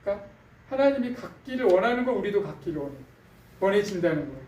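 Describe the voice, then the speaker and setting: Male pastor, high voice, relaxed chatty preaching, recorded from a distance in a reverberant sanctuary. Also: fast talker, highs cut off, a little hiss or hum. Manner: conversational preaching with frequent fillers and tag questions. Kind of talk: sermon. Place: church sanctuary. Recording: echoey room, distant mic.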